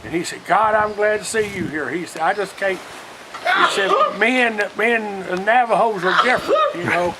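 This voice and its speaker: Here a retired union organizer, older and with a Southern Alabama accent, spins rambling, folksy tales of bygone days, frequently repeating what people once said to him. His voice is high and animated at a normal speed. Heavy noise sits in the background.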